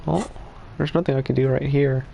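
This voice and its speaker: A man's voice: mid-range voice, steady tone, brisk, vocal fry, dark tone, lo-fi sound, slight background noise. A male streamer giving casual, laid-back gameplay commentary, laughing and cussing as he plays.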